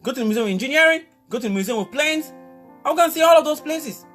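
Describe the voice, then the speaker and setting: Very high-voiced emphatic male motivational speaker. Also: lively intonation, quick pace, fairly bright tone, soft background music. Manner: emphatic, repeats key phrases, urges the listener directly; playful, acts out scenarios with exclamations. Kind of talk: motivational talk to camera.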